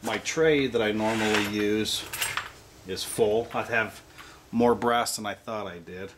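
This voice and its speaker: A man's voice: lowish voice, unhurried, noisy background. A man casually walking through a hands-on how-to at his bench, plainspoken and rambling, with hiccups. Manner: plainspoken, rambling, self-interrupting. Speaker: hobbyist reloader.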